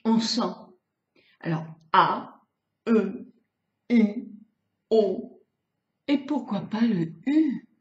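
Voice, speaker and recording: In a roomy, slightly dull home video, a woman in her sixties from France, a beautician, leads a chatty, hands-on face-exercise lesson while stretching her vowels. She speaks very slowly with long pauses, in a mid-range voice with lively intonation.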